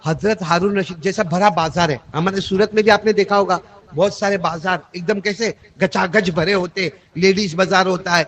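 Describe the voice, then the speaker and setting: A man with a slight lilt preaching a storytelling sermon, quizzing listeners and swinging quiet talk to shouted lines. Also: high voice, fairly even intonation. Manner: dramatic, swings from soft to shouting, quizzes the audience. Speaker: religious preacher. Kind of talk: Urdu sermon storytelling to a congregation.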